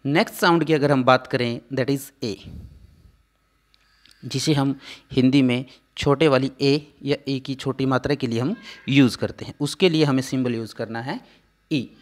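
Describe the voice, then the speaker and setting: A man's voice: mid-range voice, fairly even intonation, moderate pace. A man teaching a phonetics lesson, explaining patiently step by step.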